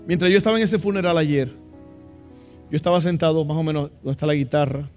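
A man's voice: fairly high pitch, steady tone, fast talker, a little mellow, faint music behind. A man preaching a sermon in a church, impassioned and asking the congregation questions. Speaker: pastor.

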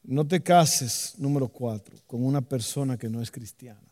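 A man preaching a lively sermon as pastor, acting out voices and joking with the congregation. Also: mid-range voice, moderate pace, in a large hall.

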